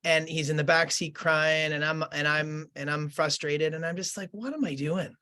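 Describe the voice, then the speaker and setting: A man, a school principal telling a story in conversation, earnest and halting, with many fillers and restarts. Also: fairly high pitch, level tone, sharp tone, smooth.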